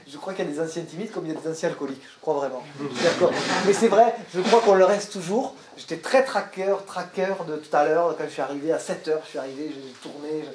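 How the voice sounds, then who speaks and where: A man, an actor, telling a personal story to an audience in a lively way and often repeating words as he searches for them. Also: a little high, fast, few pauses, roomy sound, crowd noise. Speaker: stage actor and director.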